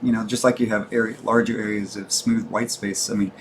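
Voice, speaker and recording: Low-voiced man chatting while he draws. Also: brisk, slight background noise. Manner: relaxed, low-key, trails off mid-sentence. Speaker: artist and co-host. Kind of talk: casual chat while drawing on a livestream.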